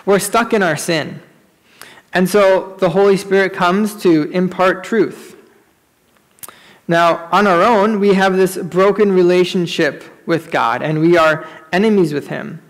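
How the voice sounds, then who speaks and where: Male pastor, high voice, pulpit microphone, long church-hall reverb, measured sermon delivery. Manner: measured, repeats key phrases, many "uh" fillers when praying. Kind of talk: sermon and prayer in a worship service. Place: church sanctuary during a service.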